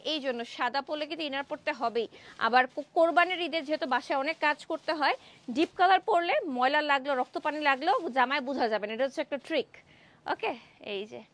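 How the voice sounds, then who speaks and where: A young woman from Bangladesh hosting a live-stream clothing sale, chatty and excited, exclaiming over dresses in an indoor showroom. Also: sits high, brisk. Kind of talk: Facebook live sales pitch.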